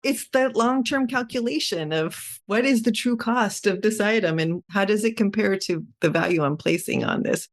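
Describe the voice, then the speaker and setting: A woman co-hosting a podcast, speaking in a medium-pitched voice. She asks measured, reflective follow-up questions. Her delivery is calm and thoughtful. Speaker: podcast co-host.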